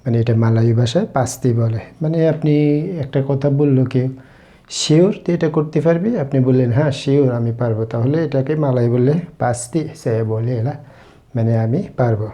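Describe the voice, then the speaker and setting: A man from Bangladesh giving a casual spoken language lesson, explaining phrases slowly and repeating each one. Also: medium pitch, mellow. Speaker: language teacher.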